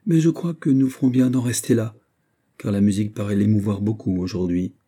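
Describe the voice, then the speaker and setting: A man reading aloud voices a serious young female singer in an audiobook, in a raised, measured voice. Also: fairly low pitch, steady tone, dark tone, close to an everyday voice. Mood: troubled. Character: young woman singer, earnest and grave.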